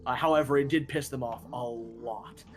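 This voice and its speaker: A man's voice: mid-range voice, normal speed. A man streaming a game and chatting casually, rambling with frequent restarts and self-deprecating asides. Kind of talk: casual chat while gaming.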